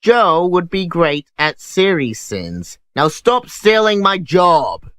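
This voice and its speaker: A man's voice: high-pitched, big pitch swings, a bit bright, dry recording. A man hosting a sarcastic commentary over clips, mocking what he sees. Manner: snarky, mocking, unhurried. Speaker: host.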